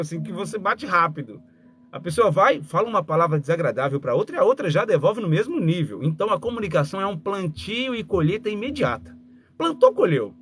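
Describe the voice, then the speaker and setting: Lively man giving a motivational talk. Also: on the high side. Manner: animated, acts out little dialogues, speaks straight to listeners. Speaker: communication mentor and speaker.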